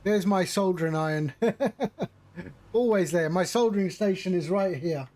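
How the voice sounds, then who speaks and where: High-pitched man, unhurried. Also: darkish tone. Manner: chatty, greets viewers while narrating flying. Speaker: flight simulator streamer. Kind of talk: casual live stream commentary.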